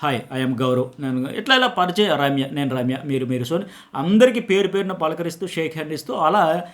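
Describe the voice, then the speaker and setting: A man's voice: fairly high pitch, lively intonation, fairly quick. A middle-aged man, a journalist giving emphatic commentary on a reality show and acting out quotes from it. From Telugu-speaking India.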